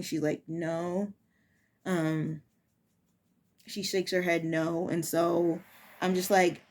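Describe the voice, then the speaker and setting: Slow, halting woman telling a story. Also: on the low side. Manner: halting, searching for words. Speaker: preschool teacher. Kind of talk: casual personal storytelling.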